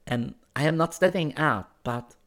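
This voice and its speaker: A male narrator voices a shy, secretive young French woman from the bohemian set, raising his voice high and lifted for her. At normal speed and lightly acted, her lines are formal, careful, hesitant and guarded, rising and falling very lively like a period storybook romance. She sounds feverish.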